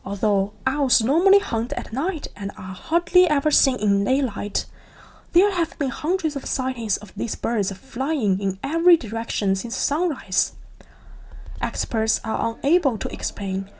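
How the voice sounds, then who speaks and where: A woman voicing a calm male TV newsreader, formal and even, in a soft ASMR storybook reading. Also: fairly high pitch, a little slow, breathy edge.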